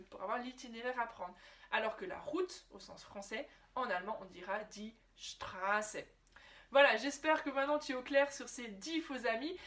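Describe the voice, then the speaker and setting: Chatty woman teaching German, higher voice. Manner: lively, chatty, frequent "euh" and "d'accord?" check-ins; addresses the viewer informally, shifts into careful German pronunciation. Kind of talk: casual video lesson.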